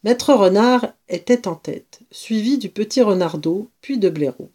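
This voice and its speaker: A woman reading a children's storybook aloud in slow, measured narration. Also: mid-range voice, expressive, mellow.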